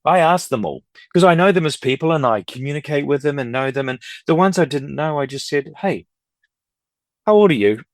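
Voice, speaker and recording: Animated and fairly quick, a middle-aged man with a fairly high voice talks at length on a podcast about his life as a record collector and dealer. He rambles from story to story, impersonating what others told him, with no room sound.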